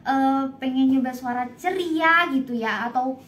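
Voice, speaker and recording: At home on a phone live stream, a young woman co-hosts a casual chat, leading the topics and humming agreement often. Her voice is high, a little slow and fairly bright, with slight background noise.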